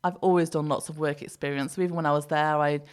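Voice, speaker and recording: A woman's voice: low-pitched, steady tone, quick pace, clear, resonant tone. A woman from Nottingham, chatting as a PR consultant in an interview, laughing often and using many fillers. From England (Nottingham). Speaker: PR consultant, guest. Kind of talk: casual interview chat.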